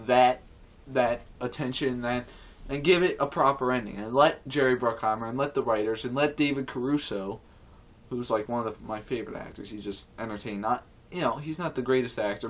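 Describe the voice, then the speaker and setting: Man, mid-pitched, casual rant to camera; rambling, repetitive, indignant and earnest. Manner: rambling, repetitive, with many restarts and fillers. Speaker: vlogger.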